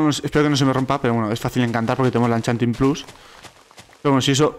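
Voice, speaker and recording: A man with a Spain Spanish accent giving let's play commentary as a gaming YouTuber, excitable and quick to repeat words when something alarms him. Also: medium pitch, a little hiss or hum.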